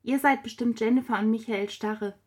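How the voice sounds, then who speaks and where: A welcoming grown man who works at a children's home, as a woman reading aloud puts him on. He speaks in a friendly, easy way. The voice stays somewhat high, like the reader's own. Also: steady tone, normal speed, breathy edge. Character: friendly adult male care home worker. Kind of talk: storybook reading.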